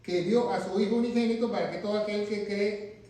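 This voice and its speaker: A man's voice: high voice, steady tone, a little fast, warm tone. A male pastor teaching a Bible class who keeps asking his listeners questions and then answering them himself. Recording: echoey room, mic far off.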